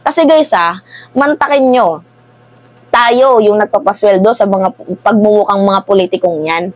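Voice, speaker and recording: A woman's voice: mid-range voice, normal speed, no room sound. A woman giving casual political commentary to her viewers. She keeps asking "di ba?" and calls her viewers "guys". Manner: conversational, animated, keeps asking "di ba?" and addressing "guys".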